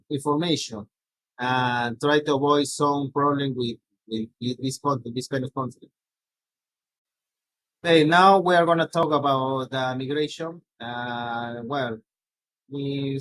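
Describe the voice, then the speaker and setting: This middle-aged Peruvian man, a native Spanish speaker, walks through slides hesitantly with many restarts and "no?" tags, in a Peruvian accent. His voice is mid-range, and the audio is poor but free of echo.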